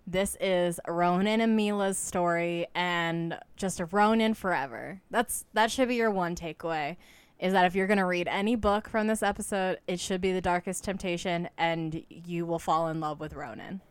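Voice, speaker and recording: Woman, podcast host, casual chat, chatty, lots of fillers, smooth voice. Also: on the low side, normal speed, no room sound.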